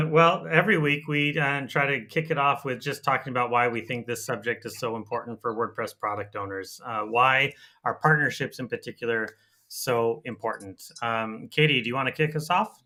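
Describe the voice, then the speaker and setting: A man's voice: mid-range voice, moderate pace, sharp tone. A man co-hosting a podcast interview, upbeat and affirming, laughing along with guests. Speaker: co-host.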